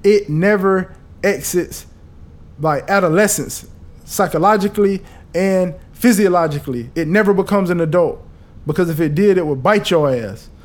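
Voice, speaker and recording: A man hosting a podcast, talking in a casual, profane and animated monologue. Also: high-pitched, moderate pace. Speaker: podcast host.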